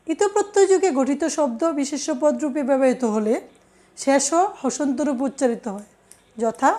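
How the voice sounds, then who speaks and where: A woman teacher giving an online grammar lesson, slowly and deliberately reading out lists of example words. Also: high voice, dark tone.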